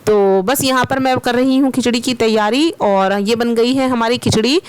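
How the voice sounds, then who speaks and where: Woman vlogger from Meerut, India, somewhat high voice, casual and chatty narration that speaks directly to viewers. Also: moderate pace, clear, resonant tone. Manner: chatty, explains steps and addresses viewers directly. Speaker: vlogger and housewife.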